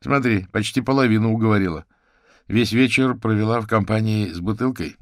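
A bantering, outspoken older sister, voiced by a man reading an audiobook, her lines pitched up and pushed a little louder than his own narration. She comes across as teasing and quick. The sound is dry and close. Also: dry recording, close to an everyday voice. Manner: brisk, bantering.

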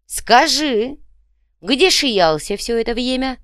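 A sly male goblin schemer who lectures and sneers at his friends, acted by a woman. His voice sits high and loud, rising and falling with relish. The recording is close, dry and clear. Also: big pitch swings, normal speed, dry recording. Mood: sneering.

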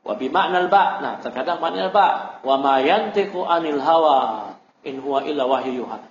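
A man's voice: fairly high pitch, normal speed, a little hiss or hum. A man teaching a classroom lecture on Arabic grammar, explaining step by step, repeating terms and quizzing his students. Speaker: Islamic teacher. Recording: roomy, dull lo-fi recording.

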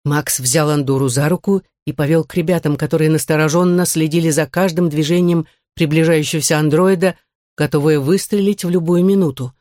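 A woman's voice: low-pitched, steady tone, brisk, dark tone, dry recording, studio quality. A woman reading a children's adventure story aloud as narrator, steadily, acting out the dialogue. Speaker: audiobook narrator. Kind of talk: scripted narration.

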